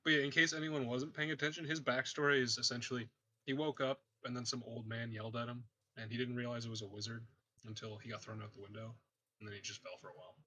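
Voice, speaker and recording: A man playing a tabletop game, explaining a character's backstory in quick asides. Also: medium pitch, steady tone, pushed and bright, slightly rough. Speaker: player. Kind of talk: casual tabletop play.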